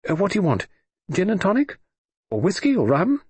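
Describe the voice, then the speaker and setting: A man reading an audiobook, voicing an imperious, deaf old aristocratic lady with crisp, commanding upper-class speech. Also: high voice, huge pitch swings, fairly quick, a little mellow, dry recording, pitched above the performer's own voice, exaggerated voice. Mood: tart.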